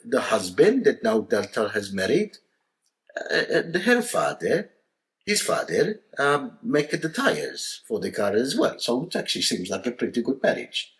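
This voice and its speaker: A man co-hosting a family travel vlog, telling stories and jokes in a playful, deadpan way. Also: medium pitch, unhurried. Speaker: co-host, joke teller. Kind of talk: casual chat and joke telling.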